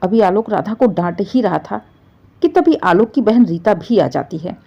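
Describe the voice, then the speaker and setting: A woman narrating a dramatic family story in an expressive storytelling manner. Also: mid-range voice, normal speed, vocal fry, slightly rough, lo-fi sound.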